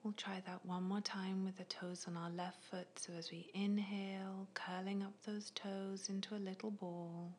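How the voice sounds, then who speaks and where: A woman guiding a progressive muscle relaxation in a soft, unvoiced ASMR whisper, with slow, gentle, soothing instructions. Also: mid-range voice, little pitch movement. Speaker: relaxation guide.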